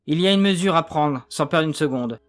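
A man's voice: on the high side, fairly quick, lightly acted. A man voicing a tense police commissioner who gives urgent, clipped orders in an audiobook.

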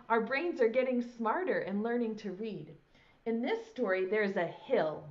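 Hosting circle time for children, this middle-aged woman teaches nursery rhymes in a broad, singsong, theatrical style. Her voice leans high, picked up by a lapel mic in a small indoor classroom set, with lo-fi sound quality.

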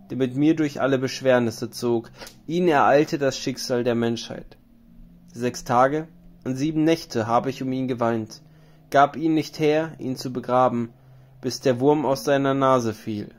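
A man's voice: medium pitch, steady tone, unhurried, natural voice. Male reader as a mourning wandering hero king in an audiobook epic, solemn and lamenting. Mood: grieving.

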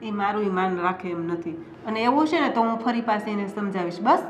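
A woman playing a gentle, placating mother-in-law. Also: medium pitch, a little fast, soft background music, natural voice. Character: calm, soothing mother-in-law, middle-aged woman. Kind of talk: family drama acting. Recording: echoey room with long reverb.

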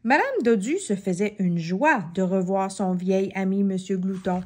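A woman reading a children's storybook aloud in an expressive way, often asking questions of the child listening. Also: medium pitch, unhurried.

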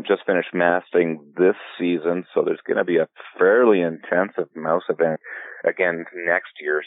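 A man, a fly fishing guide and filmmaker, answering in a relaxed podcast interview and rambling through many restarts. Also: low-pitched, no echo. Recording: tinny phone-like line.

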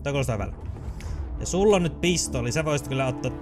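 Excitable Finnish gamer, lively pitch. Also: male voice, music in the background. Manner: excitable, chatty, swears and laughs often. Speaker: gaming channel host. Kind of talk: let's play commentary.

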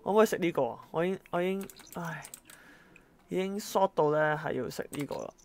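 A woman's voice: on the low side, fairly quick, a little mellow. A woman giving exasperated let's-play commentary, exclaiming at the characters in her game. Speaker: gameplay commentator.

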